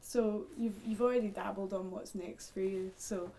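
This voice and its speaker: A woman's voice: mid-range voice, fairly even intonation, moderate pace, a crowd in the background. A woman interviewing a guest on a programme, encouraging him with short affirmations and asking follow-up questions. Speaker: interviewer, presenter. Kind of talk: casual interview.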